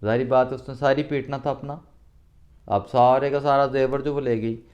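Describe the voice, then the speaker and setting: A man's voice: medium pitch, fairly even intonation, a little mellow, highs cut off. A male teacher reading a story aloud and retelling each line in plainer words, often repeating himself. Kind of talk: reading and explaining a story lesson.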